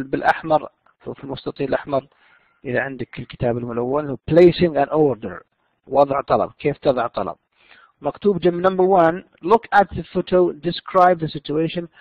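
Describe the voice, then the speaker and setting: A male teacher explains an English lesson, pausing often on fillers. His voice is gravelly and a bit high. The recording sounds tinny and phone-like, and dry. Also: no room sound. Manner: explains in Arabic with frequent fillers. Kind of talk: bilingual classroom lesson.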